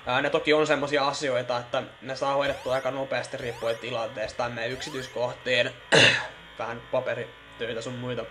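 A man's voice: medium pitch, flat delivery, pushed and bright. Casual, swearing young man playing games. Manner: swearing, joking, mocking the scares. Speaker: let's play gamer. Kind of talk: casual horror game commentary. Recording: faint music in the background.

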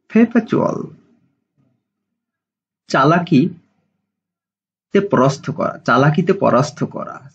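Bengali-accented guy teaching vocab really slowly, says every word like three times, kinda muffled lo-fi audio. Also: medium pitch, creaky, slightly rough. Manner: says each English word several times, stressing pronunciation. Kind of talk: slow vocabulary lesson, repeating each word.

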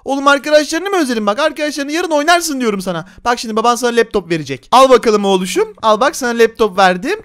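High-voiced man narrating a game role-play. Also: expressive, fast, few pauses, bright, forceful tone, clean tone. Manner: chatty, teasing, talks to viewers as "arkadaşlar". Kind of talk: Minecraft role-play commentary.

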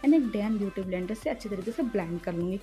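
Soft-spoken woman doing a chatty makeup voice-over. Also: mid-range voice, expressive, faint music behind. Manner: chatty, speaks softly and slowly at night. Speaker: beauty vlogger. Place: room in a house by a main road at night. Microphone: home voice-over recording.

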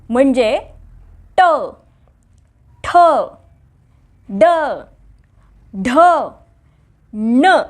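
A woman hosting a children's alphabet lesson, talking in a lively way and drilling letters with clapping. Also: high voice. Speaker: teacher and host of a home-learning show.

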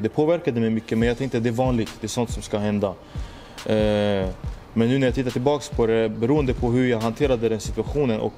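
A young Swedish musician tells his own story in an earnest monologue, reflecting on his life with plenty of street slang and "du vet" fillers. His voice is mid-range and mellow.

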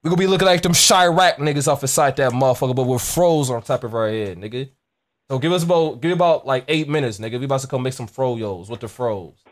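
A young American man, a streamer and prank caller, talks fast in a mid-range voice from an indoor gaming setup. His banter on the call is brash, slangy and confrontational, full of swearing and repetition.

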